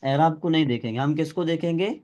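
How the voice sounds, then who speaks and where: A man's voice: on the high side, fast, dark tone, muffled recording. A male teacher giving a classroom grammar lesson, explaining step by step and quizzing his students.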